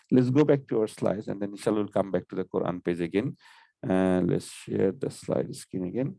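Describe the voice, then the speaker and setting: A man's voice: low voice, mellow, no room sound. A man teaching Arabic grammar in an online class, explaining patiently and saying "okay" often.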